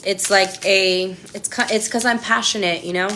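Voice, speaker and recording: A woman's voice: medium pitch, fairly even intonation, normal speed, bright, forceful tone, a little hiss or hum. A young woman reading tarot cards and chatting with her viewers, passionate and ranting as she talks. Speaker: tarot reader. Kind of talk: casual tarot reading answering live chat.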